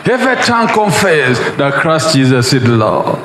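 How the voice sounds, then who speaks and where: A man's voice: fairly high pitch, sing-song, normal speed. A man leading a deliverance prayer in a commanding manner, in a large church hall. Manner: commanding, shouted bursts. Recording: echoey church hall, noisy.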